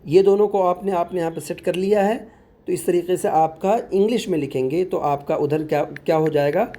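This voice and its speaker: Mellow-voiced man tutoring step by step. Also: sits high, fairly quick. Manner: patient, repeats words while explaining. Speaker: online tutor.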